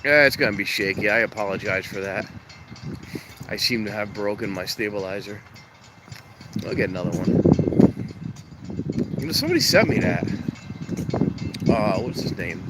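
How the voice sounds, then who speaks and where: Standing outdoors at a railroad crossing, a train-spotting vlogger with a stuffed-up nose rambles in a casual live-stream chat, easygoing and talkative. His voice is on the low side and very animated, moving at a moderate pace with frequent pauses. He films on a handheld camera mic that picks up wind noise along with loud traffic and outdoor sound.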